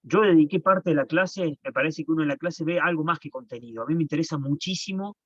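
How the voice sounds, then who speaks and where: A man's voice: fairly high pitch, fast talker, slightly rough, no echo. A man teaching an online class, explaining patiently and often restarting his phrases. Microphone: computer mic on a video call. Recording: dull, dry lo-fi call audio.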